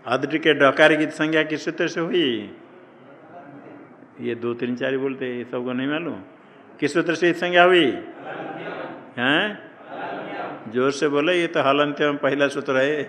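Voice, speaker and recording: A man's voice: a little high, moderate pace, pauses often. A man teaching Sanskrit grammar to a class, drilling students with questions and correcting their recitation. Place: ashram classroom. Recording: long hall reverb, faint noise.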